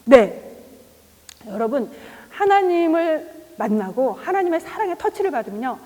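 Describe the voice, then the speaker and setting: A middle-aged woman preaching a sermon, telling family stories with laughter and softening to a hush at tender moments. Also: high voice, big pitch swings, normal speed. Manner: warm storytelling with laughs, drops to a whisper for God's voice. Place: church chapel. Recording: reverberant chapel.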